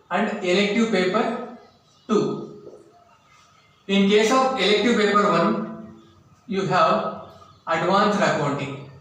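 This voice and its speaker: A man giving a college classroom lecture, deliberately repeating items for note-taking, recorded from a distance in an echoey room. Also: high voice, a bit bright. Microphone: distant from the speaker. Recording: echoey room, distant mic, faint noise.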